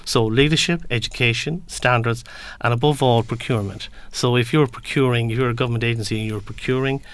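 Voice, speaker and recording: A man from Galway with a west of Ireland accent, explaining things as an interview guest in a halting way, often repeating words as he searches for the next. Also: medium pitch. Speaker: interview guest, construction industry representative.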